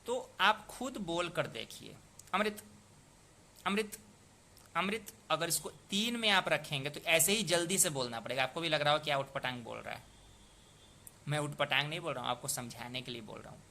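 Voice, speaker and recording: A man teaching the rules of poetic meter in a patient lesson, repeating words and sounding them out slowly. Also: a little high, animated, creaky, sharp tone. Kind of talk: explanatory lesson.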